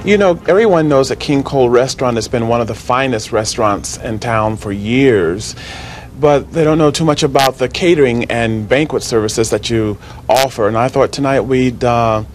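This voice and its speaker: A man's voice: mid-range voice, normal speed, soft background music. Friendly male TV host with light laughs. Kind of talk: casual TV interview.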